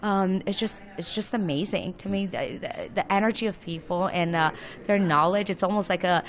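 A woman's voice: mid-range voice, normal speed. A woman from Romania with a Romanian accent, talking enthusiastically as an interview guest, with many fillers. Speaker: guest, launch service owner. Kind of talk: casual interview.

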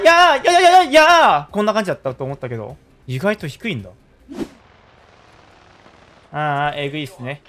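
Excitable high-voiced young man streaming a game. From South Korea. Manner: excitable, yelps loudly when in danger. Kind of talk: live gameplay commentary.

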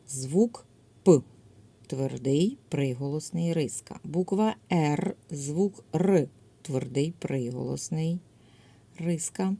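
A woman teacher with a Ukrainian accent giving a video lesson to young pupils, dictating slowly and clearly. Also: sits low, dark tone. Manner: slow, clear dictation with drawn-out words. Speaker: primary school teacher.

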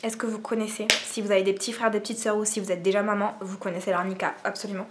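A woman's voice: mid-range voice, little pitch movement, fast talker, slight background noise. A young woman from France vlogging casually at home, rambling and self-mocking, with many fillers, speaking to a camera propped on cushions. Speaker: beauty vlogger. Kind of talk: casual chatty vlog. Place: at home indoors.

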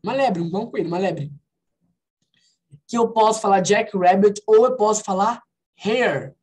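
A woman's voice: medium pitch, normal speed, a little mellow. A Brazilian woman teaching an online English class, switching between Portuguese and English and checking understanding with frequent "alright?" and "ok?".

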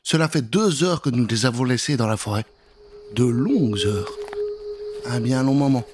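A middle-aged man tells a spooky children's tale in a theatrical, playful manner, addressing listeners directly. His voice is medium-pitched at a moderate pace, recorded on a close studio mic with a pop filter in a dark booth, with prominent music and some background noise.

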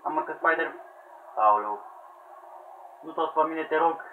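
A man giving excited gameplay commentary, yelling at characters, pleading with them and laughing as the match goes on. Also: fairly high pitch. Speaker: gamer commentating own play. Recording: tinny lo-fi sound with faint hiss.

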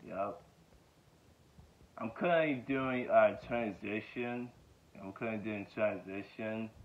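This twentysomething vlogger from Georgia, USA chats about himself in a loose, meandering way, full of fillers and repeated yeahs. His pitch sits a bit low. The clip was recorded up close in a small bedroom on a phone at arm's length, giving it a thin, tinny, phone-line quality.

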